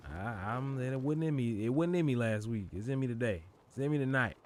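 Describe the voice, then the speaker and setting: Brief: male gaming streamer, animated, jokey live commentary, mid pitch. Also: fairly quick. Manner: animated, jokey, laughs easily.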